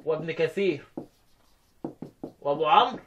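A man with an Egyptian Arabic accent leads a lesson on Quran recitation, and his voice sits notably high. He chants each verse slowly, then drops into brisk spoken explanation. He keeps firing short questions at his students. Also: expressive, a bit bright, muffled recording, slight background noise. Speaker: teacher of Quran recitation readings. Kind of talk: interactive lesson, quizzing students.

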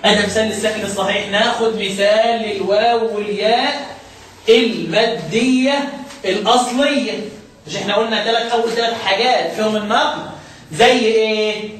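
A man with an Egyptian Arabic accent teaching Quran recitation rules step by step, questioning his student and drawing out recited verses slowly. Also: sits high, steady tone, a bit bright, slight background noise. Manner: questioning, step-by-step explaining, slow drawn-out recitation. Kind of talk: tajweed lesson with a student. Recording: very echoey room, mic far off.

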